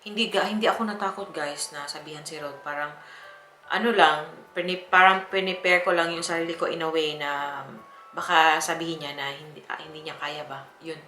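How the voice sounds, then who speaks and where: A woman's voice: deep voice, steady tone, fairly quick, bright, forceful tone, soft background music. A young woman from the Philippines, telling a personal story to her viewers in a chatty way with frequent laughs. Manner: chatty, laughing often, with many fillers. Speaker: vlogger. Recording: echoey room.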